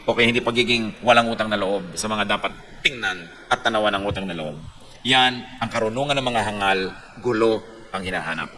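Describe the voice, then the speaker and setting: A man preaching a sermon, mixing Tagalog and English and telling stories with lively emphasis. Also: medium pitch, slight background noise, rough recording.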